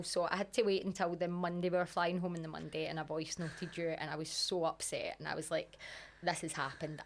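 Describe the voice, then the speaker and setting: A Scottish woman co-hosting a podcast, telling a story in a casual, animated way and swearing freely. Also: fairly low pitch. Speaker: podcast co-host. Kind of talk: casual chat.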